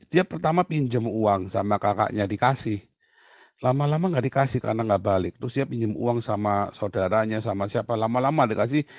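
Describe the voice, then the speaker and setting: A man's voice: mid-range voice, dry recording, clean studio sound. A man teaching in a sermon-style Q&A. He tells stories with energy and acts out the voices of the people in them. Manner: animated storytelling, acting out voices of people and God.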